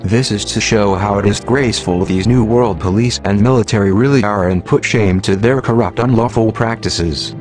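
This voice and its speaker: An anonymous announcer in a disguised, low, computer-generated male voice, reading a scripted manifesto in an even, mechanical way. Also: normal speed, few pauses, faint music behind.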